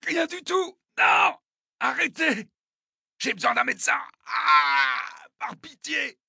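A man voicing a badly wounded male thug who gasps in pain, begs for mercy and cries out in high, strained shouts. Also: huge pitch swings, takes it slowly, vocal fry, slightly rough, no echo, clean studio sound, heavily acted. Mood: begging, agonized. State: out of breath, in pain.

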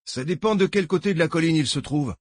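A man's voice: fairly high pitch, quick pace, a little mellow, no echo, studio quality, pitched above the performer's own voice, natural voice. A man voicing an easygoing male helicopter pilot talking matter-of-factly.

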